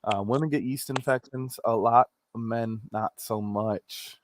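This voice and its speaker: A man with a medium-pitched voice and a measured pace hosts a live-streamed talk show, rambling and joking through a casual comedic chat, his p sounds popping. The audio has clicks and pops along with faint background noise.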